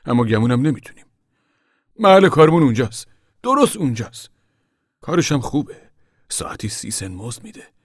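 A man's voice: mid-range voice, sing-song, long pauses, slightly rough, no echo, studio quality, pitched above the performer's own voice. A man doing a bitter, worn-down older father. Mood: weary, bitter. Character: older weary laid-off farm worker father, bitter.

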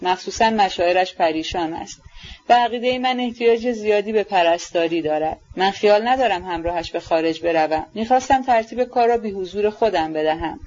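A woman reading a sincere, gentle young prince in a storybook reading. His speech stays earnest and steady at a middle pitch. The recording is dull and lo-fi. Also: close to an everyday voice.

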